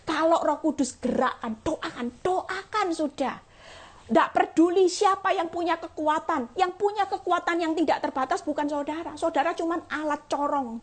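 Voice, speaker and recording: High-voiced earnest woman evangelist preaching. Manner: addresses listeners as "saudara" repeatedly, drops soft and quiet at phrase ends; earnest, encouraging testimony, with lively bursts. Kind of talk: sermon shared on a livestream.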